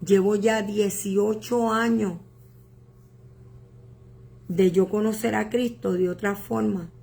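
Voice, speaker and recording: A woman pastor preaching a sermon, earnest and emotional, asking rhetorical questions and repeating words with pauses. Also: medium pitch, fairly even intonation, gravelly, a little mellow. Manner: halting repetitions and pauses.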